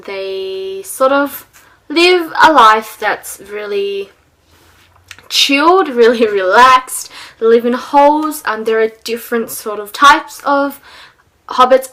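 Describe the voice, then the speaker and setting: A young woman talks through a book review in a relaxed vlog style. Her voice sits a little high, and she rambles, filling pauses with ums and small laughs. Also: low-quality recording.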